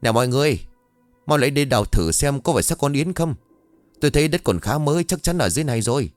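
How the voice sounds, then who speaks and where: A man voicing a village man, loudly and hurriedly calling his neighbors to dig. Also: mid-range voice, animated, no echo, soft background music, pitched above the performer's own voice, close to an everyday voice. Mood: urgent. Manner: loud and hurried.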